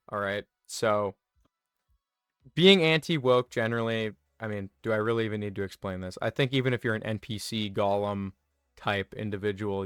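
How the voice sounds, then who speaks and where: A man's voice: fairly low pitch, a bit bright, smooth, no room sound, studio quality. A man hosting a comedy video, giving a satirical in-character monologue in a mock-earnest, rambling way that keeps working him up.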